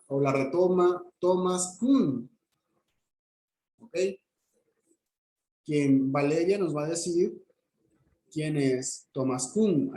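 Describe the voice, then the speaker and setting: A man's voice: a little high, darkish tone. Male teacher in an echoey classroom. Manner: explanatory, frequent "¿ok?" check-ins and restarts. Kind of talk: classroom lecture.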